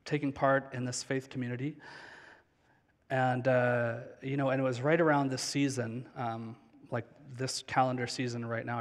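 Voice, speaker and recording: Earnest man preaching in a reverberant hall. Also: medium pitch. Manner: earnest, slows down on key phrases. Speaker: pastor. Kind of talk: sermon. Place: large church stage. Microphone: headset.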